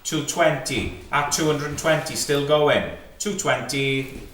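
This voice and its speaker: A man's voice: a little high, a little slow. A man working as a fine art auctioneer, calling lots and bids live in clipped, repeated numbers and short prompting questions. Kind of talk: live auction calling, rapid chanted bids and lot descriptions. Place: indoor auction saleroom. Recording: echoey saleroom, distant mic, faint noise.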